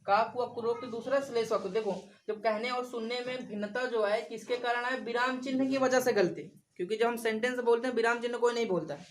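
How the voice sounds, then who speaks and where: A woman's voice: on the high side, steady tone, fast, hardly any pauses, low-quality recording. A woman teaching a grammar lesson for exam preparation, repeating examples and questioning her class.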